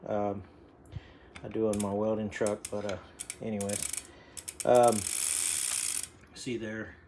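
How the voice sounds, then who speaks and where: A warm, fairly low male voice with little pitch movement explains a bike repair at a slow pace, over a little hiss or hum. In this casual how-to video the mechanic rambles, fills gaps with fillers, and breathes hard from leaning over.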